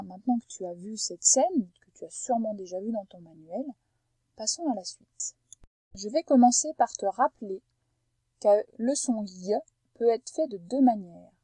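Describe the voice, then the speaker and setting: A woman teacher with a mellow, slightly husky voice walks a young pupil through a phonics lesson. She talks patiently and slows right down to over-articulate each sound. The recording is close and dry. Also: medium pitch, no room sound, low-quality recording. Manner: slow, careful over-articulation of sounds for a child.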